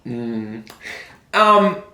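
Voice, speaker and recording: A man's voice: medium pitch, big pitch swings, extremely slow, pushed and bright. A man co-hosting a casual podcast chat, rambling and restarting his sentences. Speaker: podcast co-host. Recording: roomy echo.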